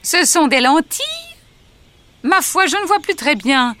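A man voicing a nosy, half-blind old village woman in a storybook reading, in a high falsetto with a pitying tone. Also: lively intonation, a little slow, bright, forceful tone, slight background noise, heavily acted.

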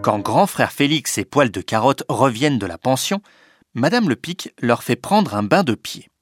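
Man, storybook narration, lively expressive reading, very animated pitch, dry close sound. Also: moderate pace, no room sound, faint music behind.

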